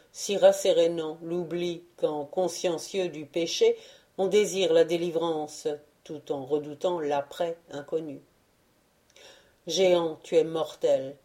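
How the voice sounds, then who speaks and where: A woman reading a literary audiobook in a measured, unhurried way. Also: low-pitched, mellow. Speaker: audiobook reader.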